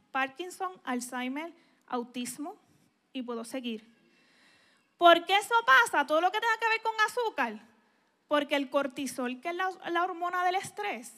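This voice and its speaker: A woman, a psychologist giving an emphatic church talk that swings from loud appeals to hushed asides. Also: sits high. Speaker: psychologist speaking to a church audience.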